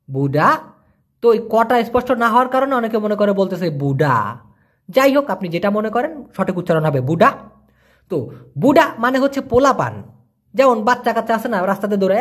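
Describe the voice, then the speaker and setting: A husky-voiced man teaches a casual language lesson. He talks with a lively, swinging pitch, and he breaks foreign words down slowly and repeats them with patience.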